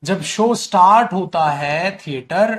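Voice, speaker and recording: There's a little hiss or hum behind this high-voiced man, who takes his time while teaching an online grammar class in English. He drinks tea as he goes, at home or in a studio, chatting in Hindi, offering English examples, and gently urging students with "bhaiya" and "beta."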